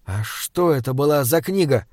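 A man's voice: medium pitch, animated, moderate pace, a little mellow, no echo, studio quality, natural voice. A man voicing a shaken young man. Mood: urgent. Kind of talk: audiobook character reading.

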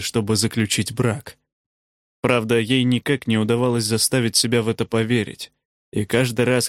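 A man narrates a novel in a measured audiobook reading. His voice sits at a middle pitch. The recording is dry and close, with almost no room sound, and his pace quickens or slows with the story. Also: no echo.

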